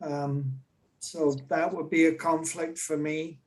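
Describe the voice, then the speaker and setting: A man on a committee call, speaking softly and apologetically about scheduling. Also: a little high, flat delivery, takes it slowly. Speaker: committee member. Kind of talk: meeting discussion.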